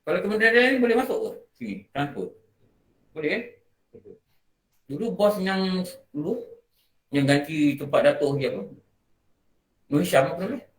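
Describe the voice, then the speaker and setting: This fairly high, animated male voice belongs to a religious teacher with a Malaysian Malay accent. He delivers a morning lecture in a prayer hall at a moderate pace, pausing often, and keeps it conversational by asking his listeners questions.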